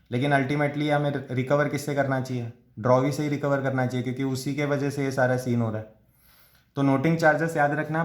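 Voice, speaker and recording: A male commerce tutor, at a middle pitch, talks through a lesson step by step. He asks questions and answers them himself, and slows right down to read out definitions. His voice rings in an echoey room. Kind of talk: classroom lecture in Hinglish.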